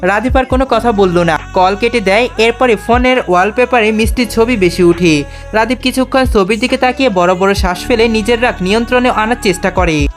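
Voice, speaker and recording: A woman narrating a scripted story in a steady, even reading voice. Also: a little high. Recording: faint background music.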